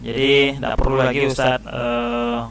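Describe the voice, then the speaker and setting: A man's voice: medium pitch, little pitch movement, unhurried, gravelly, rough recording. A man teaching young children how to recite and write a short scripture passage, explaining patiently step by step. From Indonesia. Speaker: Islamic studies teacher. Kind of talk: classroom lesson for children.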